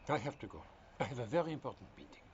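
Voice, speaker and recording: A man plays a cold, scheming politician who brushes off worry and keeps tight control. His delivery is smooth, with a lively rise and fall. The dubbed film audio is dull and lo-fi, with a faint hiss. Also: medium pitch, racing, natural voice. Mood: controlling. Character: calculating middle-aged male politician, cold and controlling.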